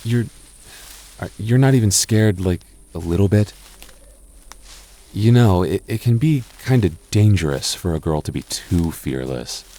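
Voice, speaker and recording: In a roleplay audio drama, a young man with a deep, expressive voice plays a goth boyfriend who is anxious and easily spooked but protective. He speaks at a measured pace with a warm tone, hesitating, stammering and sighing, sounding nervous and exasperated.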